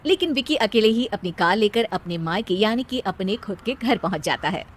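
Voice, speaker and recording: A woman's voice: medium pitch, lively intonation, normal speed. A woman narrating a scripted children's story.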